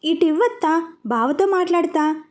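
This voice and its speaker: A woman's voice: very high-pitched, lively intonation, a little slow, darkish tone, pitched above the performer's own voice. A woman voicing an anxious young daughter who pleads urgently with her parents. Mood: eager.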